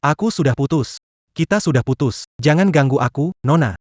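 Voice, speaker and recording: A man's voice: on the high side, animated, moderate pace, darkish tone, no room sound, highs cut off. A man playing a wealthy groom in a dubbed melodrama, stern and coldly angry in a controlled way. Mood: cold, dismissive. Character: wealthy groom coldly rejecting his vengeful ex.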